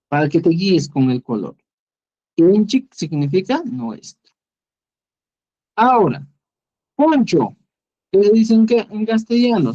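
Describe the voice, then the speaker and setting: A man with a Peruvian Spanish accent teaches a screen-recorded lesson, slow and patient, repeating each word. His voice is mellow and dark, yet it swings widely in pitch. The recording is dull and lo-fi. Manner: patient, repeats words and asks "¿ya?". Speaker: Quechua language teacher.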